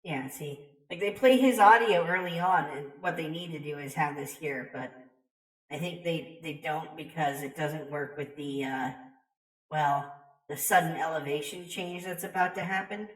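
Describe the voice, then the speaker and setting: Female game streamer, low pitch, casual and rambling delivery, a bit off-mic. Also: normal speed. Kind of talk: casual chatty commentary. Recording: roomy echo, distant from mic.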